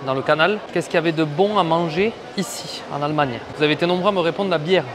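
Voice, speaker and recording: A man's voice: on the high side, quick pace, noisy background. A man with a French accent vlogging from a trade fair, enthusiastic and slangy, talking straight to his viewers. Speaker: vlogger reviewing pool robots. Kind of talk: casual vlog at a trade fair. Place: large indoor trade fair hall.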